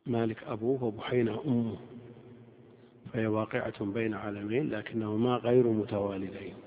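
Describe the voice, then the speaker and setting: A man's voice: fairly low pitch, flat delivery, a little fast, a little hiss or hum. Man lecturing in an echoey hall. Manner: methodical, explaining step by step. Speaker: teacher of hadith. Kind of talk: classroom lecture commentary. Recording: lo-fi phone-like sound in a reverberant hall.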